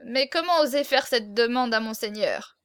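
A woman's voice: high-pitched, measured pace, sharp tone, clean tone, no room sound, studio quality. A woman reading the part of a small hunchbacked man, hesitant and stammering, with a hidden intensity, in an audiobook. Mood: timid. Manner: hesitant, stammering, turning fervent.

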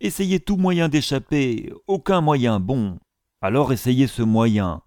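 A man's voice: medium pitch, slow, darkish tone, dry recording, clean studio sound, voice pushed up, close to an everyday voice. A man voicing a frantic foreign male servant who pleads urgently in broken, pidgin phrasing.

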